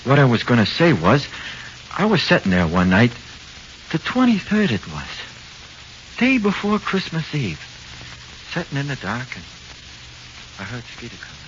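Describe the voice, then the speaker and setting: A male actor with a medium-pitched voice and an American accent plays a frightened, uneducated tough awaiting execution in a 1940s radio horror play. Slangy and halting, he sounds confiding and uneasy, swinging between flat confession and anxious pleading. The recording is muffled and hissy.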